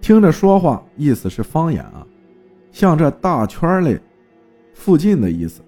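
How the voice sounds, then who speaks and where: A man narrating a folk ghost story in a lively, vivid storytelling manner. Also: a little high, normal speed, faint music behind.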